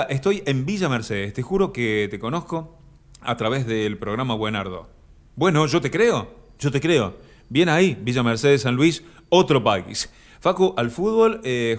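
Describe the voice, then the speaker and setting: A man with an Argentine accent hosting a comic live stream, reading comments aloud with deadpan absurd humor and sudden high shouted voices. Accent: Argentine Spanish. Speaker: comic host of an Instagram live.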